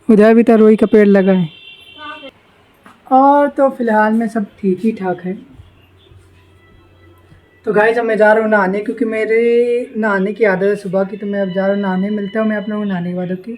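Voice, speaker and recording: At a moderate pace and with frequent pauses, a young vlogger from India explains village life to his audience in a high-pitched, fairly even voice. The casual to-camera narration moves through his home, garden and roadside, and the audio sounds dull.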